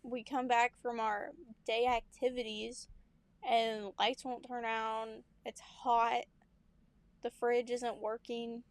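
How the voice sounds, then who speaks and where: A young podcast co-host on the high side of the pitch range takes it slowly, keeping a level tone as she tells family stories in casual conversation. She's a chatty storyteller who laughs frequently and acts out quotes, and there's no echo.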